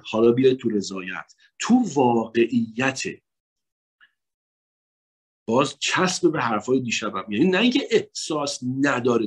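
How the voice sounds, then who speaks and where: A man from Iran with a husky voice giving a religious lecture on psychology, emphatic, his tone jumping between loud high points and hushed asides.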